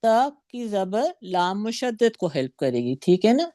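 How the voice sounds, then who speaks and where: A woman's voice: mid-range voice, very animated, warm tone, dry recording, clean studio sound. A woman teaching a Quran recitation lesson, patiently drawing out syllables and words for students to repeat. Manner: patient, drawn-out demonstrations of syllables. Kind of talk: slow Tajweed lesson, modelling sounds for repetition.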